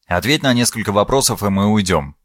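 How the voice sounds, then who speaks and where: A man voicing a polite, shrewd detective who questions calmly and courteously, in an audiobook. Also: on the low side, fairly quick, no echo, studio quality, lightly acted. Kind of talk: audiobook character voice.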